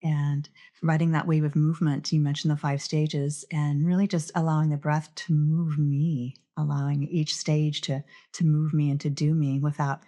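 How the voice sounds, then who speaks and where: A woman with a notably low voice talks as a podcast guest. She sounds thoughtful and earnest, restarting phrases now and then as she reflects aloud. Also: flat delivery, moderate pace, dark tone. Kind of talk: reflective conversational interview.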